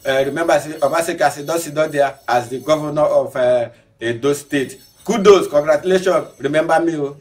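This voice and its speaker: A man hosting a comic news show in Nigerian Pidgin, joking and laughing, jumping from loud bursts to low mutters. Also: brisk, far from the mic, faint music behind.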